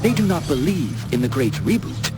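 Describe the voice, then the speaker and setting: A man's voice: mid-range voice, very animated, moderate pace. A man voicing a zealous male robot cultist in video game dialogue, through a metallic robot voice filter, talking in clipped machine-speak with preachy devotion. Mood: businesslike. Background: loud game music.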